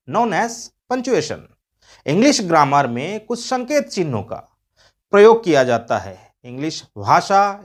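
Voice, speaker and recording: An English grammar teacher, giving a video lesson and explaining each term slowly, then repeating it in Hindi and in English. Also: mid-range voice.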